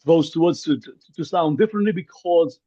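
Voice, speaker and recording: Speaking as a workshop participant on a muffled, lo-fi video call, a native Ukrainian-speaking man has a fairly high, warm, husky voice and a brisk pace. He hesitates, restarts his phrases often, and repeats words.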